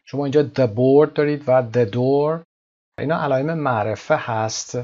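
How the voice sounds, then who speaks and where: A man teaching an English lesson from a textbook, explaining quickly and slowing right down to model each word. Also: medium pitch, darkish tone. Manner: switches between fast explanation and slow, drawn-out model words. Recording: dull lo-fi recording.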